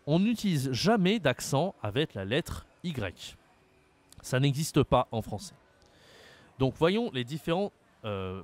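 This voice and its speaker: A male French teacher from France talks learners through accent marks. His pitch moves a lot as he stresses each sound, and he speaks slowly, stretching words out. He repeats sounds again and again for clarity. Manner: slow, exaggerated pronunciation, repeating sounds for learners. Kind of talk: online language lesson.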